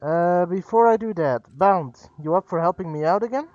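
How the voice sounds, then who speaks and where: A man's voice: sits high, normal speed, a little mellow, no room sound. A man hosting a casual game livestream, chatting informally and thinking aloud as he plays. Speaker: livestream host. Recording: dull lo-fi mic with music behind.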